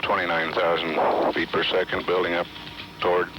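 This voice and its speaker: A man gives technical mission commentary in a low, level voice. He is measured and matter-of-fact, with music clearly playing behind him. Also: monotone, highs cut off, heavy background noise. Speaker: mission control public announcer.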